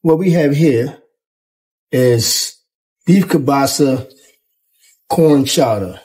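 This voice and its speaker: A man's voice: medium pitch, very slow, mellow, rough recording. A man in his forties giving a casual cooking demonstration in a home kitchen, chatty and explaining each step, on a lapel mic. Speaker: guest cook.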